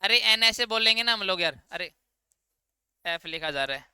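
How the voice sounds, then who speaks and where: A man's voice: sits high, expressive, normal speed, bright, forceful tone, clear, resonant tone, dry recording. A male teacher gives an informal classroom grammar lesson, quizzing his students and answering his own questions. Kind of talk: classroom lecture.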